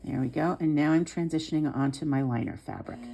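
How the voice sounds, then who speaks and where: A woman with a low, relaxed voice and a noticeable creak walks a learner through a practical task. She is careful and unhurried, explaining each small step in informal, reassuring words. There is slight background noise in the recording. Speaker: sewing instructor. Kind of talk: step-by-step hands-on tutorial narration.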